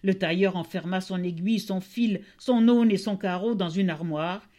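A woman reading a fairy tale aloud in an expressive storytelling voice. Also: medium pitch, normal speed.

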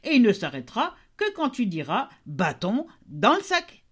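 A woman's voice: fairly high pitch, wildly swooping pitch, normal speed, a bit bright, breathy edge, heavily acted. A woman voicing a male master craftsman giving instructions in a fairy tale reading. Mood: instructive.

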